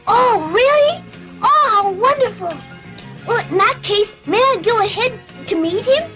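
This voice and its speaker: A fibbing wooden puppet boy, as a woman voices him in a cartoon, pleading and stammering in a very high, childlike voice. Music plays clearly behind him. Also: lively intonation, measured pace, low-quality recording. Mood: eager. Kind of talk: cartoon dub acting.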